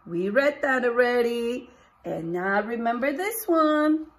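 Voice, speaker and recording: Her voice is fairly high, animated and slow. A middle-aged teacher, she reads a picture book aloud with expression and poses questions straight to young kids, inside a small room filled with posters and books.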